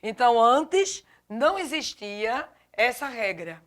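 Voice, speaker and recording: Slow, deliberate woman teacher. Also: fairly high pitch, very animated, a bit bright. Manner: slow, deliberate, spells out letters and stresses example words. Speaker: Portuguese grammar teacher. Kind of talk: classroom lesson.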